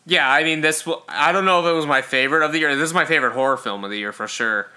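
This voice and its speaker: A man hosting a podcast, chatting casually and relaxed about a film. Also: fairly high pitch, rapid-fire. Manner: relaxed, laughs easily. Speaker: podcast host. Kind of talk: casual film review chat.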